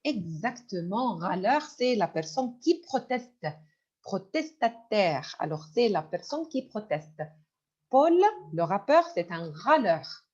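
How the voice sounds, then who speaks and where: Teaching French in an online class, this woman speaks slowly in a medium-pitched, sing-song voice that's a little mellow and slightly rough. She's patient, repeats herself, explains words and often moves into English, recorded in dull lo-fi sound.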